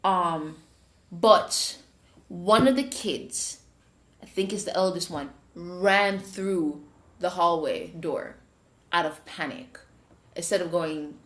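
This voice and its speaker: Slow, with long pauses, a woman with a lowish voice and a Jamaican accent hosts a podcast. She tells a story in casual chat, animatedly taking on the voices as she retells it. The recording has a roomy echo.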